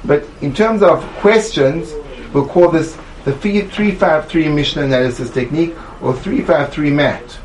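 A man teaching a Talmud study class, emphatic and animated, acting out little voices to make his points. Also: fairly high pitch, normal speed. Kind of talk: classroom lecture.

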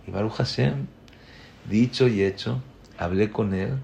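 Slow gravelly rabbi. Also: male voice, lowish voice, slight background noise. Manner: builds to loud emphatic peaks; acts out quoted people. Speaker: rabbi giving a Torah class. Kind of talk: Torah lecture.

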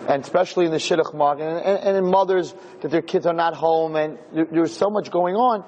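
A man's voice: fairly high pitch, brisk, darkish tone, low-quality recording. A man giving an informal Torah lecture to a roomful of listeners, speaking emphatically and throwing rhetorical questions at them. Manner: emphatic, asks the audience many rhetorical questions. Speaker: rabbi giving a class. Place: lecture room with an audience.

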